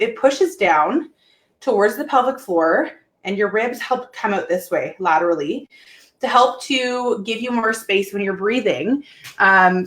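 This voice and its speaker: Casting: young woman, heavily pregnant and short of breath, mid-pitched voice, informal health educator on a live stream, echoey room. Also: fairly bright tone. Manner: explanatory, informal, checking in with "okay?". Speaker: pelvic health therapist teaching. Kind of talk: casual live-stream lesson. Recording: roomy, echoing sound.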